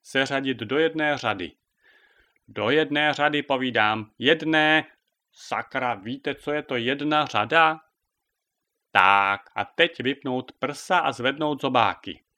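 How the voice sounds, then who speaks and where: A man's voice: medium pitch, sharp tone, lightly acted. A man voicing Sabina, a bossy female hen who drills the flock like a sergeant and barks her orders. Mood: commanding. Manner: barking commands.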